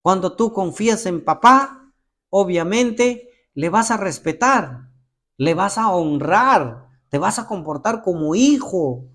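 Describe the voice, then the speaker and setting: A middle-aged male pastor, preaching an expressive sermon and acting out prayers and letters. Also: high voice, slow pace.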